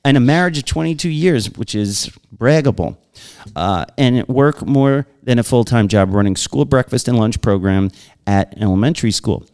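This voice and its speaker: A man's voice: mid-range voice, lively intonation, moderate pace, a little mellow, clean tone. A man with a Long Island accent hosting a podcast, casually chatting and reading listener mail aloud, laughing often and breaking off for asides. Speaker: podcast host.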